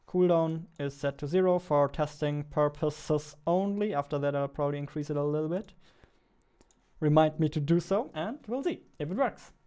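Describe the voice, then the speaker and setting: A man in his 20s who develops indie games and hosts streams chats casually while coding, his close boom-arm studio mic set up at a desk in a small indoor room. The voice is a little high and dark-toned yet clean, moving at a moderate pace.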